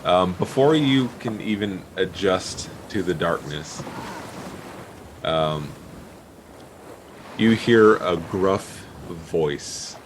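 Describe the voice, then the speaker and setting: A man narrating a tabletop game as game master, in a halting, pausing way. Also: sits low, noisy background. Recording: faint sea and boat ambience behind.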